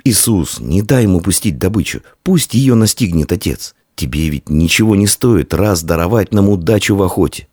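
A man voicing a young Roman boy who prays in a hushed, earnest voice. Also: low-pitched, lively intonation, normal speed, hardly any pauses, husky, no echo, studio quality, pitched above the performer's own voice. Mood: pleading. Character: anxious young Roman boy praying for luck.

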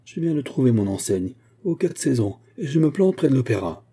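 A man reading the part of a resentful shop clerk who has just lost his job, speaking low and grudgingly. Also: very animated, brisk, warm tone, breathy edge. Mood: bitter.

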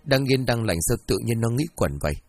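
A man's voice: mid-range voice, animated, fairly quick, soft background music, natural voice. A man voicing a stern, commanding senior wife of a landlord in a storybook reading.

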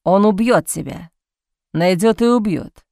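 A woman reading an audiobook, voicing a defiant young man held captive, speaking hoarse and strained. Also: medium pitch, a little slow, mellow, no room sound, clean studio sound.

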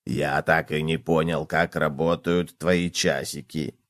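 A man voicing a male cockroach in a children's storybook, talking in a low, hushed, drawn-out way. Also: flat delivery, no room sound, clean studio sound. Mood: musing. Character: deep slow excitable male cockroach. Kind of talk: storybook reading.

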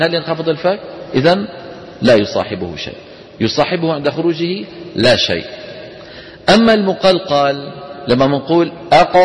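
A man's voice: on the high side, in a large hall, poor audio. A man with a Levantine Arabic accent teaching Quran recitation in a classroom lecture, asking the class questions, answering them himself and sounding out letters for students to repeat.

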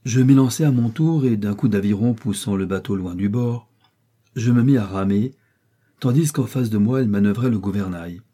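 Man, audiobook narrator, measured reading, husky, very dark timbre. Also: fairly low pitch. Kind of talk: scripted narration of a classic novella.

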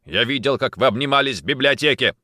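A man's voice: mid-range voice, fast, sharp tone, dry recording, clean studio sound, voice pushed up. A man voicing a stern, bitter investigator who speaks curtly and coldly in an audiobook. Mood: angry accusing. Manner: cold, curt, bitter.

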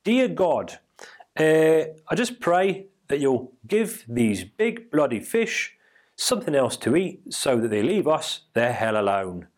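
A man voicing a religious Australian man who prays bluntly, in a put-on Australian accent and a slow, earnest manner. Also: fairly high pitch, big pitch swings, full character voice. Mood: earnest prayer.

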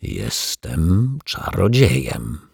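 Man doing a raspy, menacing stage magician. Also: deep voice, big pitch swings, a little mellow, no echo, studio quality, full character voice. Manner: slow, mocking, teasing menace.

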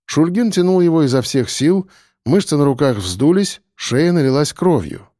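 A man narrating an audiobook in a steady storytelling manner. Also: fairly high pitch, moderate pace, no echo, studio quality. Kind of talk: scripted narration.

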